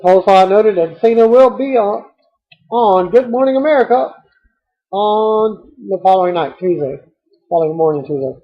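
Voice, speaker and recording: High-voiced man reading a wrestling recap. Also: lively intonation, normal speed, dull audio. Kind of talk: read-aloud show recap.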